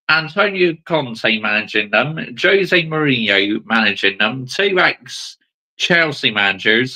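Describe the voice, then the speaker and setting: A man's voice: mid-range voice, bright, forceful tone, low-quality recording. A man hosting a football channel, reacting to a clip with blunt, casual commentary and swearing.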